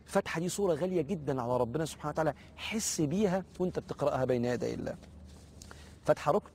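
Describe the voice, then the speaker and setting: A man with an Egyptian Arabic accent teaching a religious lesson in an earnest way, slowing down to recite verses. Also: fairly high pitch, expressive, a little mellow, slight background noise. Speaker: preacher.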